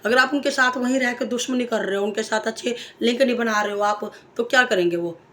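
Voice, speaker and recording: A woman's voice: a little high, a little fast, bright, forceful tone. A woman talking casually to camera as a vlogger, emphatic and repetitive, asking rhetorical questions and telling personal stories. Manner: emphatic, repeats phrases, asks rhetorical questions; tells personal anecdotes. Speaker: vlogger sharing opinions. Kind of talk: casual spoken monologue.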